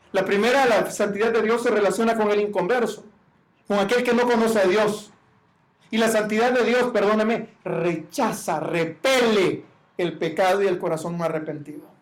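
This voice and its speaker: High-voiced man preaching a sermon. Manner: preaching with rising shouted emphasis on quoted cries. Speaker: pastor.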